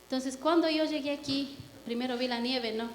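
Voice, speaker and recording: A young woman from Ecuador giving a lively testimony to a church congregation, telling her story with acted-out quotes. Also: high-pitched, normal speed, a little hiss or hum. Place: church hall. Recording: echoey hall with long reverb.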